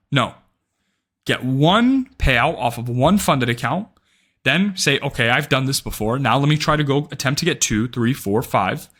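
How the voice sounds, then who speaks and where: A man's voice: mid-range voice, a bit bright. Young man, blunt and emphatic, swears a lot, trading advice vlog, keeps asking "right?". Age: young adult. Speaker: day trading vlogger. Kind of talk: direct-to-camera advice talk.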